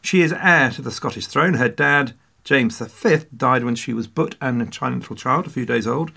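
A man's voice: mid-range voice, normal speed, gravelly, pushed and bright, slightly rough. An English man hosting a casual history podcast, full of jokey asides and mock French phrases. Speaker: podcast host.

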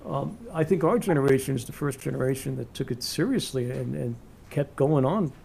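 A man's voice: mid-range voice, expressive, brisk, creaky, a little mellow, slight background noise. A man in his sixties hosting a casual interview, chatty and rambling with many fillers. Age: 60s. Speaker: interview host.

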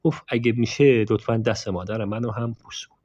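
A man's voice: mid-range voice, fairly even intonation, darkish tone, no room sound. A man narrating a true story in a conversational way, breaking off into asides that he speaks straight to his listeners. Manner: digressive, addresses listeners directly. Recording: dull, dry lo-fi recording.

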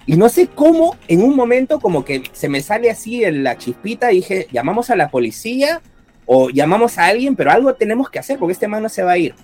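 A man telling an animated, swear-filled story in casual chat and acting out the voices as he goes. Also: sits high, a little fast, soft background music. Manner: animated, profane anecdote-telling, acts out voices.

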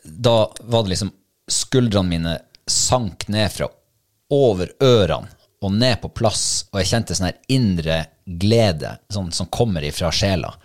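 A man in casual conversation, speaking slowly and reflectively, with a lot of hesitation and fillers. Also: deep voice, lively intonation. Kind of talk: casual chat.

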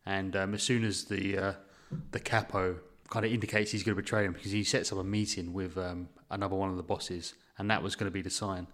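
Low-voiced male co-host, rambling storyteller, casual podcast chat. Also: level tone, fairly quick, few pauses, fairly bright tone. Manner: rambling retelling with fillers.

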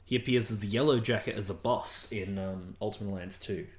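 A man's voice: lowish voice, fairly quick. A man co-hosting a casual podcast chat, making blunt, dry remarks and reading off lists. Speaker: podcast co-host. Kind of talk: casual chat about games and films. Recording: echoey room.

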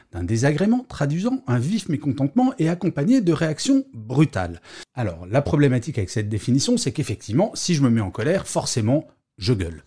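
A middle-aged man hosts a solo podcast, explaining his points casually with asides. His voice is husky and dark, and his pitch moves around a lot as he talks. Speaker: podcast host. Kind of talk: solo podcast talk on work life.

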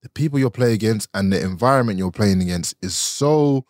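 A man's voice: fairly low pitch, lively intonation, a little fast, a little mellow, no echo, clean studio sound. A young man with a London-area roadman accent, chatting casually in a slangy, laddish, sweary way. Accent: London-area English, urban roadman slang. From England. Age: young adult. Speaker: footballer, podcast guest. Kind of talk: casual chat.

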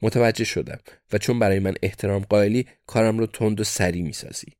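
A man voicing a calm, wry, middle-aged English fixer who soothes an angry client. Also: fairly low pitch, no room sound, studio quality, lightly acted.

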